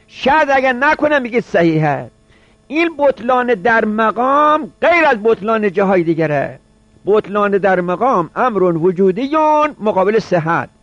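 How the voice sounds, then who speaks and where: A man's voice: sits high, fairly bright tone, dry recording, dull audio. A man giving a seminary jurisprudence lecture, repeating each point and posing rhetorical questions. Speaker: seminary teacher.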